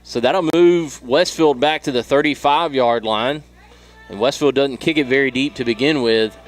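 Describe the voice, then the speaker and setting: A man with a Southern US accent calling play-by-play for a high school football game in a steady, measured way. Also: faint music behind. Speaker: play-by-play announcer.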